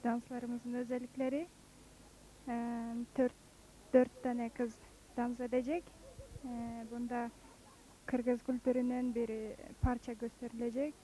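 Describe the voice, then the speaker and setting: A young woman with a Kyrgyz accent speaks broken, halting Turkish in an interview. Her voice is high yet soft and mellow, with very little melody. She stumbles over longer words. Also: monotone, low-quality recording. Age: young adult. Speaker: student interviewee. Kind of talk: informal on-camera interview.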